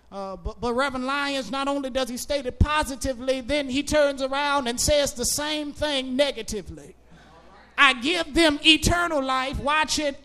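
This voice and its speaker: A man preaching a sermon, shouting in a sing-song cadence and hammering home repeated phrases. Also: very high voice.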